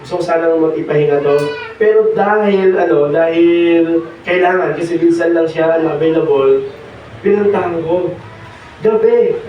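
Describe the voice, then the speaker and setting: A hoarse young man preaching a sermon, mixing in English and pausing on fillers. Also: a little high, a little hiss or hum. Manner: mixes Tagalog and English, pauses with fillers. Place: church hall. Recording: echoey hall, distant dull mic.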